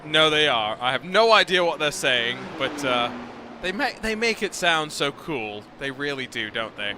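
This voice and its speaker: Over a noisy commentary mic, a man whose voice sits on the high side, with lively intonation, trades jokes and chat with a co-commentator during live sim race coverage. He's quick-witted and chatty throughout.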